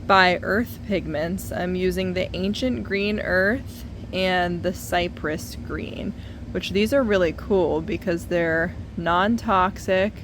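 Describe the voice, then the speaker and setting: Woman art tutor, 30s, chatty and informal, slow-paced, picked up far from the mic with clear background noise. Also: fairly low pitch. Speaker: painter giving an art tutorial. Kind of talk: casual hands-on tutorial talk. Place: basement studio, indoors. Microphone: no external microphone, camera at a distance. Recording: far from mic, noisy basement room.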